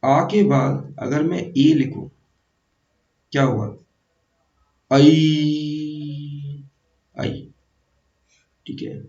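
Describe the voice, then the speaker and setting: A man's voice: mid-range voice, slow pace, long pauses, darkish tone. A male teacher giving an exam-prep grammar lesson, explaining step by step, calling viewers friends and correcting himself as he goes. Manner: explanatory, repeats 'theek hai' and 'hai na'. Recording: echoey room, distant mic, dull sound.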